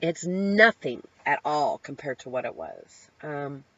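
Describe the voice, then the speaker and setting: A woman's voice: low voice, very animated, a little slow. A middle-aged woman talking candidly in a personal video diary, heartfelt and rambling, with many ums and restarts. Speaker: vlogger sharing her recovery. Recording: slightly muffled lo-fi audio.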